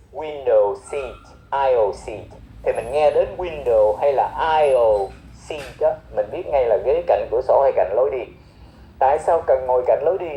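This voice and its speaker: A man's voice: mid-range voice, dark tone, echoey room, rough recording. Patient man explaining phrases, repeating them. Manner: repeats key words slowly and often. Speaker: English teacher. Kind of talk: explaining English phrases in Vietnamese.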